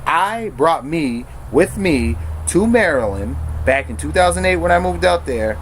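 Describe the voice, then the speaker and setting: A man's voice: a little high, lively intonation, measured pace, slight background noise. A man telling his personal story in a frank, conversational way, using slang and correcting himself as he goes. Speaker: storyteller sharing his recovery testimony.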